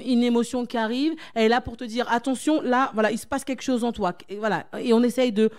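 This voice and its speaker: At a church conference, a female coach rouses her audience through repetition and direct questions, her manner exhortative. She has a fairly high pitch and a darkish tone.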